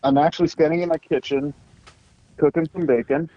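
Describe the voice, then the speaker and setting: A man's voice: a little high, fairly even intonation, brisk, muffled recording, a crowd in the background. A man joining a podcast as an easygoing guest, talking casually. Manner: easygoing, laughing. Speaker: guest on phone. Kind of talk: casual chat.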